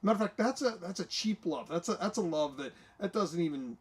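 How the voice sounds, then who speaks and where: Male co-host, slightly higher voice, casual faith chat full of fillers and restarts, earnest tone. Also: animated, fairly quick, breathy edge. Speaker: co-host of a church livestream. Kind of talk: casual faith talk with scripture reading.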